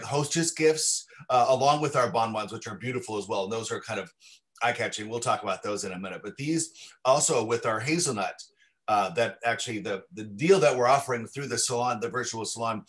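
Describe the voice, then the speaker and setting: A man's voice: medium pitch, fairly bright tone. A man who makes chocolates describing his products in an eager, detailed, casual way on a livestream video call. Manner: enthusiastic, descriptive, with frequent restarts. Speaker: chocolatier, guest.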